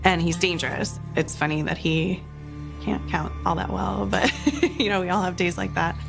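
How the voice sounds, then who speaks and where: A woman's voice: lowish voice, steady tone, moderate pace, gravelly. A woman giving casual, wry commentary in a studio documentary interview. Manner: wry, joking. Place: indoor studio. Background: music.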